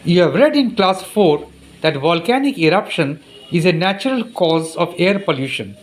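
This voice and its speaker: A man with an Indian English accent, a teacher giving a recorded lesson. He reads from the textbook slowly, repeats passages, and stumbles over hard words. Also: high-pitched, expressive. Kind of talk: recorded classroom lesson, reading a textbook aloud.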